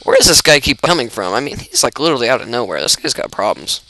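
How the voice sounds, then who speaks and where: A young man giving casual, rambling, excitable commentary while he plays a video game, laughing often. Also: mid-range voice, fast. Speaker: gaming YouTuber.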